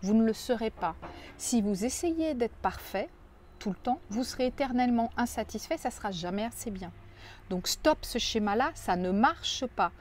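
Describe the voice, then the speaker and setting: A woman coach speaking directly to viewers in a gentle, reassuring way, often repeating phrases for emphasis. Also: fairly high pitch, lively intonation, moderate pace, a little hiss or hum. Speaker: personal development coach. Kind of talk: coaching video addressed to viewers.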